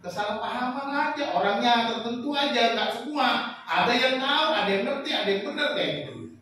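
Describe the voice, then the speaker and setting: Male preacher, high-pitched and animated, distant mic in a big church hall with faint noise. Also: brisk. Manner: animated, shouting peaks, acts out quotes. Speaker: pastor. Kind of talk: sermon.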